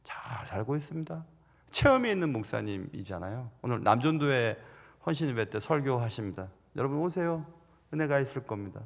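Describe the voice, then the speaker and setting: Animated male pastor preaching in a reverberant hall. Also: medium pitch, a little fast, creaky. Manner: animated storytelling with sudden loud rises and soft drops. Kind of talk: sermon. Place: large church sanctuary.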